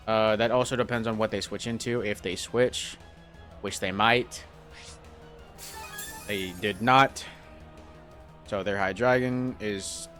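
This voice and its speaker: A man's voice: lowish voice, fairly bright tone. A young man casually commenting on his own gameplay, thinking aloud with a self-deprecating, hesitant manner and frequent restarts. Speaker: gaming YouTuber.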